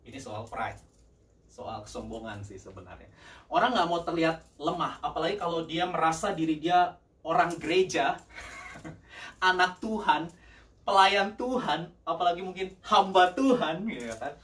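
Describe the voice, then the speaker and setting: Pastor preaching a lively sermon. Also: male voice, a little high, normal speed, recorded from a distance. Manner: lively, switches between Indonesian and English, laughs often. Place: church service.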